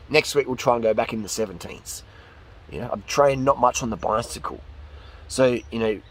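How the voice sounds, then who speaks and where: A man giving a casual, opinionated monologue as a fitness vlogger, talking in an excitable, slangy, ranting way. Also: medium pitch.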